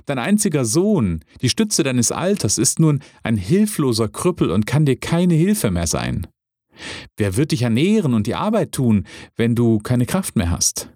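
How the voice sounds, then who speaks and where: A man voicing an excited, fretting village crowd with lamenting, exclamatory speech. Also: lowish voice, unhurried, slightly rough, dry recording, clean studio sound, exaggerated voice.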